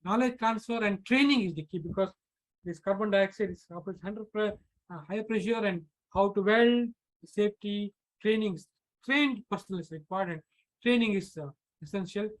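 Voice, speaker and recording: A man with an Indian English accent giving an online lecture, halting and repeating words with frequent fillers. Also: high voice, low-quality recording. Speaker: professor presenting a workshop lecture. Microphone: computer mic on a video call.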